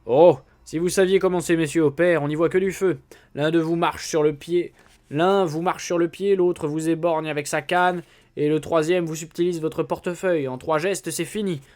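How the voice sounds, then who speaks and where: A man voicing a brisk, self-assured swindler posing as a police inspector in a read-aloud story. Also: on the high side, fairly even intonation, darkish tone, pitched above the performer's own voice, natural voice. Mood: grumbling. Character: smooth-talking fake police inspector, brisk.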